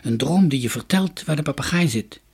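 A man's voice: on the high side, expressive, fairly quick, gravelly, breathy edge, pitched above the performer's own voice, full character voice. A man voicing a brave, eager young boy in a children's story, sometimes stammering.

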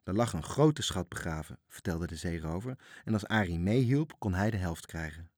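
A man narrating a children's storybook, reading in a measured, expressive way. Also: low voice, no echo, studio quality.

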